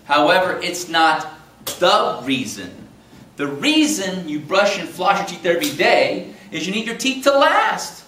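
Animated man lecturing in an echoey room. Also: high voice, unhurried. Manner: animated, jokey, talks with big hand gestures and quoted voices. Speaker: chiropractor teaching a class. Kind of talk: live classroom lecture. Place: meeting room with projector screen. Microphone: far camera in the room. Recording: roomy and distant with faint hum.

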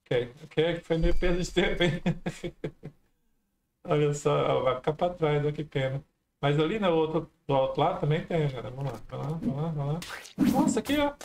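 Man, let's-play streamer, chatty and excitable, slightly high voice, faint noise behind. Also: moderate pace. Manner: chatty, talks to viewers, many exclamations. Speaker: gameplay streamer. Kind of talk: casual let's-play commentary.

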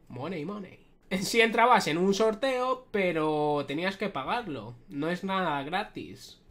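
Spanish lady from spain narrating a reaction vid, chatty and laughing. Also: medium pitch. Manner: animated, laughing commentary. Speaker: youtuber reacting. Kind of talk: casual reaction commentary.

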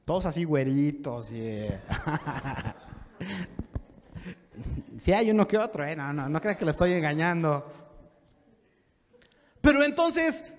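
A man preaching a sermon to young people, building from calm talk to fervent shouting. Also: fairly high pitch, a little fast, few pauses. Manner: preaching with rising fervor, shouting at peaks. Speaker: pastor. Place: church sanctuary. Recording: long church reverb.

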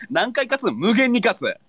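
Man, livestream banter, high voice, lively pitch. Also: a little slow, husky. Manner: loud, teasing, laughing often.

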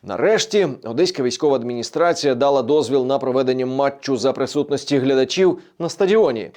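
A man presenting a weekly regional news roundup in a measured, scripted delivery. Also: medium pitch, darkish tone.

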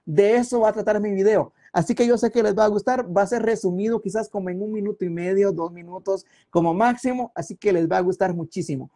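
This high-pitched man talks fast with few pauses and a dark tone while live streaming from his home computer. He reads out viewer comments and rambles across topics in a casual chat.

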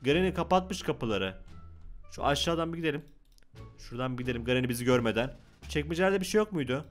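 A young man giving excited Let's Play commentary as a gaming YouTuber, exclaiming and talking to the game characters. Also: mid-range voice, fast talker, faint music behind.

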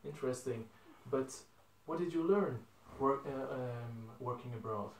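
A man's voice: medium pitch, measured pace. A young man hosting a casual interview, asking simple questions with many hesitations and fillers. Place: living room indoors. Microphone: phone camera across a table. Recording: roomy, from a distance.

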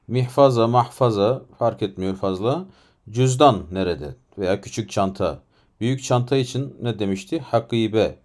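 A man's voice: mid-range voice, darkish tone. A man with a Turkish accent teaching an Arabic lesson, explaining patiently step by step with rhetorical questions and frequent fillers.

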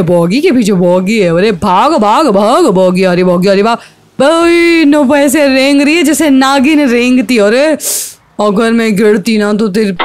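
A woman streamer giving excited, teasing gameplay commentary and trash-talking her rival. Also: a little high, dry recording. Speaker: gaming streamer.

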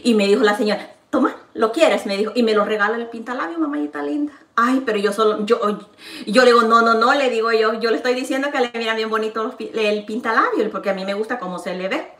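A woman's voice: a little high, quick pace, fairly bright tone, recorded from a distance. Chatty Salvadoran woman in an echoey kitchen. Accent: Salvadoran Spanish. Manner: chatty, playful, addresses viewers as "niña". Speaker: vlogger. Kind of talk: casual cooking vlog chat.

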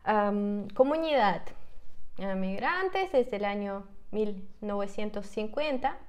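A woman's voice: mid-range voice, animated, slow. A young Russian woman in her twenties, a native Russian speaker, vlogging casually and thinking aloud as she reads from her laptop, with many fillers and restarts. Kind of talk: casual reaction vlog. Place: home room with a piano, indoors. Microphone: clip-on lapel mic.

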